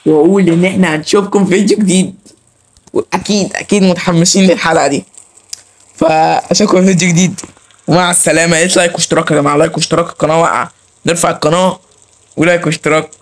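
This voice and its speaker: A man's voice: fairly high pitch, steady tone, racing. A man with an Egyptian accent hosting a let's play, chattering nervously to viewers and pleading with the game character. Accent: Egyptian Arabic. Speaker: gaming channel host.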